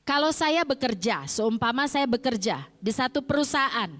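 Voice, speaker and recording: A woman's voice: sits high, animated, moderate pace, a bit bright. A middle-aged woman from Jakarta preaching a sermon in a chatty way, posing rhetorical questions and answering them herself. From Indonesia, grew up in Jakarta. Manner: conversational, asks and answers her own rhetorical questions. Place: church sanctuary. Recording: long church-hall reverb.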